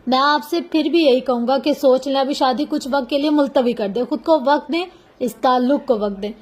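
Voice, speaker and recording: A woman voicing an earnest young male police officer who speaks gently and persuasively, in a storybook reading. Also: high-pitched, brisk, natural voice. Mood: gentle. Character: earnest young man, police officer, calm and soft-spoken.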